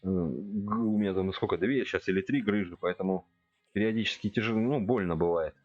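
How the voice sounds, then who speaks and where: Low-voiced man in his forties. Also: fairly quick, no echo, dull audio. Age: 40s. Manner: relaxed thinking aloud, addressing chat directly. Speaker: game streamer. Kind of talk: casual gameplay chat with viewers. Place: home room at a computer.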